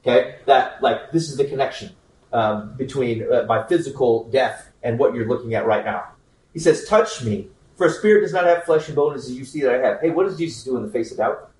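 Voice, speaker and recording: A man's voice: mid-range voice, animated, fairly quick, darkish tone, distant mic. A man giving a conversational Bible teaching to a group, informal and joking, often checking in with "okay?". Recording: echoey room, speaker away from the mic.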